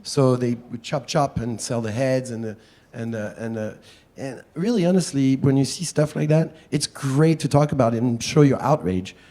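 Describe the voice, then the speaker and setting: A man's voice: mid-range voice, moderate pace, dark tone. A man from France with a French accent, speaking informally on a public panel in a chatty, self-deprecating way. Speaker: panel speaker, wildlife activist.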